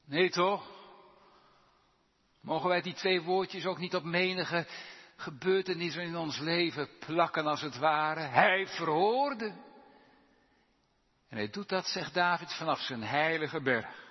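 A man delivers a sermon from a church pulpit, his fairly high, husky voice moving at an unhurried, measured pace. He lifts his voice to stress the quoted psalm lines. The sound is dull, with a long reverb trailing through the building. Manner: preaching with emphatic rises on quoted psalm lines. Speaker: pastor.

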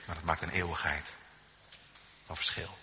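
A man preaching a sermon in a church, emphatic and swinging from hushed lines to loud calls, in a reverberant, dull recording. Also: extremely low pitch, little pitch movement, moderate pace, a little hiss or hum. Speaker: pastor.

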